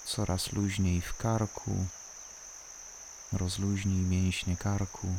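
A calm, soothing voice guiding a body-scan relaxation, unhurried and leaving long pauses between short instructions. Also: low-pitched, a little hiss or hum. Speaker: guided relaxation narrator. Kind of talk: slow guided body-scan meditation.

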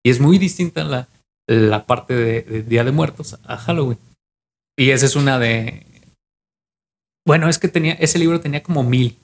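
Pausing often at a moderate pace, a young adult man with a Mexican accent casually tells a legend from memory on a podcast. As co-host, he frequently repeats and restarts his phrases, in a mid-range voice.

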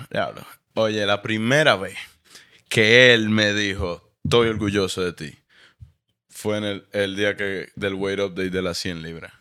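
A man tells his story in a relaxed podcast chat. His voice sits low but sounds bright and forceful, and he acts out quotes with lively expression. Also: clean tone. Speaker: guest.

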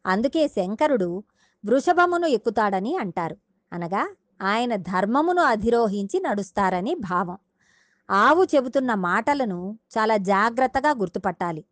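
A woman's voice: fairly high pitch, very animated, unhurried, no echo. Earnest woman giving a devotional discourse. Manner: earnest, explanatory, addresses listeners directly. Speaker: religious discourse speaker.

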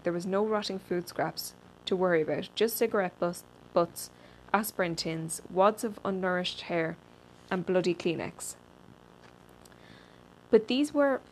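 A woman reading a personal essay aloud in a deadpan, wry way, now and then stumbling and restarting a word. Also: lowish voice, a little hiss or hum, rough recording. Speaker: reader.

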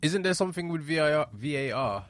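Young male, London accent, relaxed-format panel chat, dry close recording. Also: fairly high pitch, quick pace, dry recording. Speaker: football podcast panellist. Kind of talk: casual chat.

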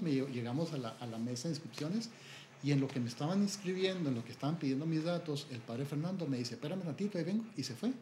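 Mexican priest telling a story in a roomy space. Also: male voice, mid-range voice, slight background noise. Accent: Mexican Spanish. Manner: animated, acts out quoted dialogue. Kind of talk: storytelling testimony. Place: at home.

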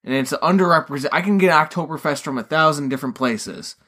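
Rambling, chatty man, slightly high voice. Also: quick pace, bright, forceful tone. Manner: rambling, chatty, swears casually. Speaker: podcast co-host. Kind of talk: casual chat.

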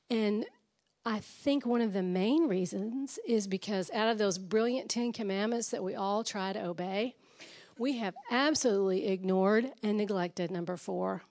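An older woman speaks in a hoarse, raspy voice that sounds nearly lost. She gives an informal talk to a church audience. Her manner is chatty and self-deprecating. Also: mid-range voice, a little mellow. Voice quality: raspy, strained. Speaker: guest speaker.

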